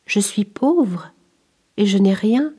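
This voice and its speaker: A woman's voice: mid-range voice, lively intonation, slow, dark tone, breathy edge. A woman voicing a poor beggar woman with a baby in a storybook reading, speaking in a pleading way.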